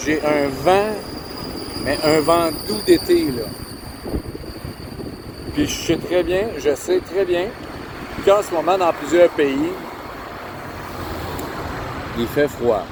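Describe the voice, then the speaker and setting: A travel vlogger with a Quebec French accent chats casually into a handheld camera as he walks through city streets at night, pointing things out to viewers. His voice sits on the high side, and he speaks slowly with long pauses. Traffic and street noise fill the background.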